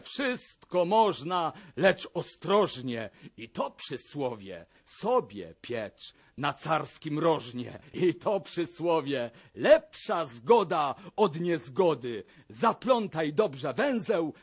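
An actor playing a sly old Russian army captain who coaxes and wheedles in a folksy way in a radio drama. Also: male voice, a little high, very animated, slow pace, husky, full character voice. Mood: wheedling. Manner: coaxing, folksy, full of proverbs.

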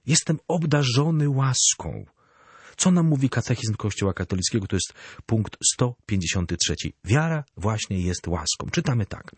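Husky, animated priest teaching faith. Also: male voice, medium pitch, normal speed, no echo. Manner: animated storyteller; addresses listeners directly. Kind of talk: catechism talk.

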